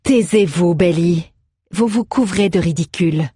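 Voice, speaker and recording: A woman's voice: fairly low pitch, unhurried, dark tone, husky. Woman voicing a mocking young heroine. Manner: poised, cutting sarcasm. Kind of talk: audiobook character voice.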